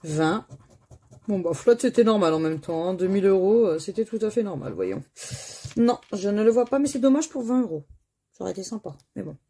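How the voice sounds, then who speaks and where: A woman's voice: medium pitch, lively intonation, brisk, mellow, breathy edge. A woman with a French accent chatting to viewers while she scratches crossword lottery tickets and reads out letters and words.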